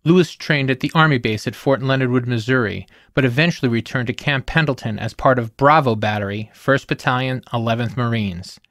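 A man's voice: medium pitch, a bit bright, no room sound, clean studio sound. Solemn male documentary narrator. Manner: measured, solemn delivery with emphatic rises. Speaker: podcast host and narrator.

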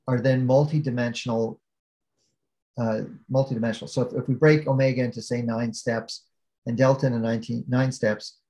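A man lecturing over a video call from a small room, walking through the material step by step. His voice is low and gravelly, with a mellow, dark tone, and he often pauses on fillers and restarts his sentences. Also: low-quality recording. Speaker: keynote speaker. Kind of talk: academic lecture.

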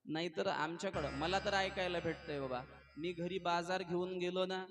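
A man's voice: high voice, normal speed. A man giving a devotional storytelling sermon, acting out the characters' lines and putting questions to the audience. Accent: Marathi. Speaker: kirtan preacher. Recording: live with accompanying instrumental music.

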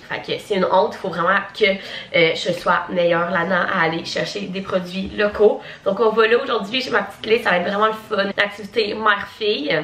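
A young woman with a Québécois French accent talks easily to her camera, rambling with fillers and little asides. Her voice sits at a middle pitch. A faint hum of noise runs under the recording. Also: a bit bright. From Quebec, Canada. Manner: chatty, many fillers and asides. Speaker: vlogger. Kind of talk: casual vlog chat.

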